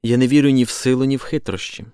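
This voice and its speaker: A man voicing a calm, doubting apostle. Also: medium pitch, clean tone, no room sound, studio quality, pitched above the performer's own voice, natural voice. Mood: reflective. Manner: calm, measured, reflective.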